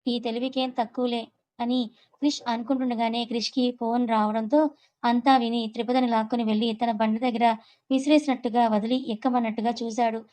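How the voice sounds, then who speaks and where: Woman narrating a story, flat and dry. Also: a little high, a little fast, dry recording, rough recording. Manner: even, conversational reading.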